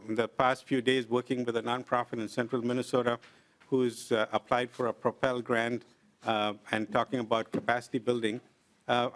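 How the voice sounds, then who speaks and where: A medium-pitched middle-aged man, invited to address a legislative committee, gives formal testimony in the hearing room. He explains using examples in an earnest, deliberate manner, pausing often to say "uh."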